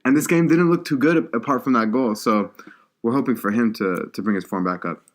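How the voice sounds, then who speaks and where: A young man co-hosting a casual sports podcast in a middle-pitched voice. He talks loosely and stumbles, repeating words as he restarts his thoughts. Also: brisk. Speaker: podcast co-host.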